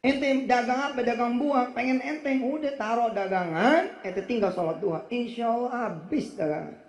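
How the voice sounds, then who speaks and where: A man giving a lively, jokey sermon in slangy talk, acting out the people he quotes. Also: very high voice, moderate pace, a little hiss or hum. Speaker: preacher. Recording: roomy, dull lo-fi recording.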